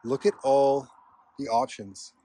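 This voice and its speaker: A man with a slightly husky voice gives casual, unhurried, offhand narration to his camera while walking a trail outdoors. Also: mid-range voice, fairly even intonation, mellow. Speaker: hiking vlogger. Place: outdoors on a park trail with a stream nearby.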